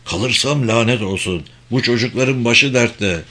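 A man voicing a gruff, impulsive army colonel in a spoken audiobook who talks bluntly and curses. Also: mid-range voice, unhurried, bright, forceful tone. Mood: urgent. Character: gruff hot-headed older male colonel.

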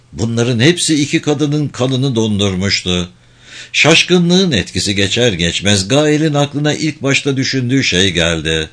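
A man narrating an audiobook in a measured, expressive reading voice. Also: mid-range voice.

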